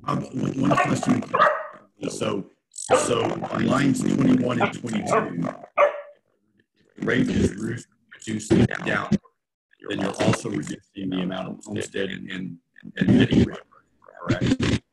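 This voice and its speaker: Man, very gravelly voice, lively up-and-down delivery, halting and repeating words, choppy video call audio breaking up. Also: fairly low pitch. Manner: halting, repeats words while asking a question. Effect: breaking-up video call connection. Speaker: selectboard member. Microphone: remote video call. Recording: noisy, glitchy online call audio.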